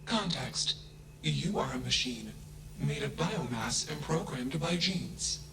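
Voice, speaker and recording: A man's voice: mid-range voice, animated, slow, echoey room, noisy background. An actor playing an emotionless male-voiced AI machine that speaks in terse, clipped announcements.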